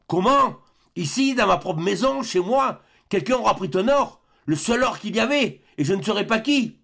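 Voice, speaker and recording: A man's voice: sits high, expressive, a little fast, husky. A man voicing a domineering miserly old father who wheedles, then rages and curses. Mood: indignant. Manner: wheedling, then shouting and cursing.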